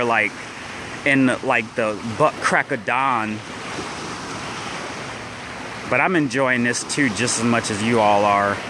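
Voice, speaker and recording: On a phone video shot at dawn beside the waves, a young man with a downstate Illinois accent livestreams in a mid-range voice. The central Illinois vlogger rambles casually as he walks, restarting sentences and leaning on "like" and other fillers, with loud surf in the background.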